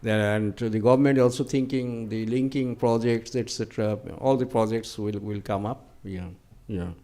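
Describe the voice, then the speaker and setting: Halting male diplomat at a conference. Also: on the low side, steady tone, mellow. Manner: halting, many fillers and restarts. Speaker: ambassador answering audience questions. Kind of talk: unscripted answers at a conference.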